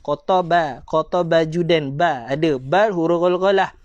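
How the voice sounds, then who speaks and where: A man's voice: fairly high pitch, unhurried, no echo, dull audio. A man with a Malaysian Malay accent teaching Quran recitation in a live-streamed lesson, addressing his viewers politely and drawing out letter sounds to demonstrate them.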